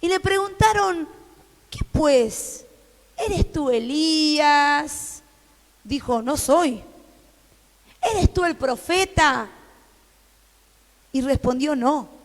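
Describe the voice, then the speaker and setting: A woman pastor with an Argentine accent preaching a sermon, fervent and repetitive, building to shouted proclamations. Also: sits high, expressive, slow pace, long pauses, in a large hall. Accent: Argentine Spanish.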